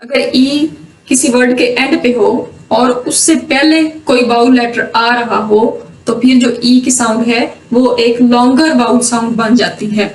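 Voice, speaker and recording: A woman with a slightly high voice explains pronunciation rules at a very slow, deliberate pace. She reads each rule sentence carefully before explaining it. Her voice carries a roomy echo and sounds as if the mic sits some distance away. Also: steady tone. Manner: reads English rule sentences slowly, then explains them. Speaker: English pronunciation teacher. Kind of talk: explaining lesson.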